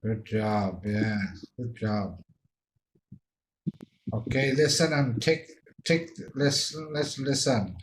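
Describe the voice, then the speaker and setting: A man's voice: mid-range voice, takes it slowly, long pauses, a little hiss or hum. A male English teacher giving a one-on-one lesson, patiently prompting and encouraging his student.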